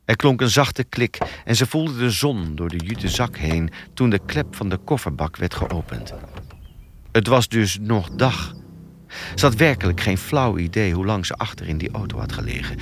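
A man narrating a thriller audiobook in an expressive storytelling manner. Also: fairly low pitch, slight background noise.

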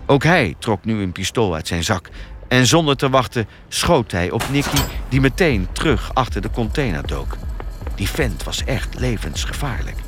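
A man narrating an audiobook thriller in a steady, expressive storytelling manner. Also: lowish voice, normal speed, music in the background.

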